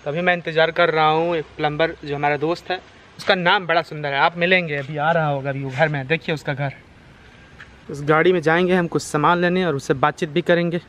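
A man's voice: fairly high pitch, steady tone, a little fast, a bit bright. A man in his thirties, talking earnestly to a camera held at arm's length as a vlogger, explaining at length. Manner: earnest, explaining, repeats points. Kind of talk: casual vlog talk to camera. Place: bare house interior and outdoors. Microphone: handheld camera at arm's length. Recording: echoey empty room with faint noise.

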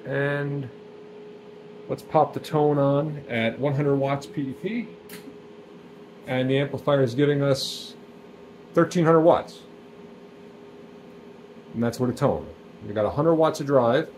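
An amplifier builder, off camera, casually shows off equipment in a small workshop, talking plainly and saying "um" a lot. His voice is medium in pitch with a darkish tone, and there's a slight hiss or hum.

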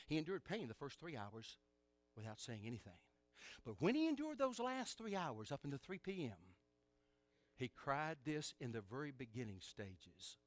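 A male pastor preaching a sermon in church, emphatic and animated, with joking asides. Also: medium pitch, moderate pace, no room sound, faint music behind.

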